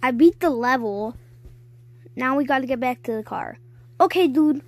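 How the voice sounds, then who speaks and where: A woman's voice: sits high, moderate pace. A woman narrating a playful toy skit in a giggly, chatty way. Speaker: toy video creator.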